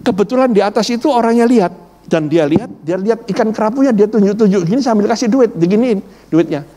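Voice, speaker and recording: Animated middle-aged preacher telling a testimony. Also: male voice, on the high side. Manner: animated storytelling, acts out quoted voices, repeats "Bapak Ibu". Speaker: pastor. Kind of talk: sermon with personal testimony.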